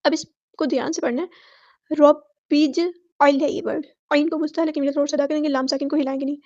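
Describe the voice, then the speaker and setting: A woman with an Urdu accent teaching Quran recitation rules word by word, explaining each rule quickly and then reciting the words slowly and loudly. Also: high voice, fairly even intonation, no room sound, muffled recording. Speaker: tajweed teacher.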